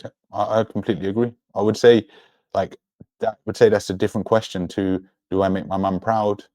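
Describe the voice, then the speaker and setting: A man's voice: on the low side, level tone, a little fast, a little mellow, no room sound. A young man speaking as an interview guest in an earnest, introspective way about his own life. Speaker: podcast guest. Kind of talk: personal, reflective interview talk.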